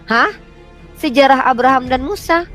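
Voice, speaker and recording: Young woman grilling someone in a debate, kinda high voice, insistent. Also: normal speed, soft background music. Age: young adult. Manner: sharp, insistent questioning. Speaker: debate host. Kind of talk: heated online religious debate.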